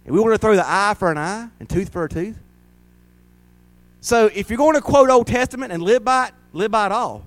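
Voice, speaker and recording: A man in his forties preaching a sermon as pastor, swinging between loud emphatic lines and soft asides. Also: high-pitched, a little fast, no room sound.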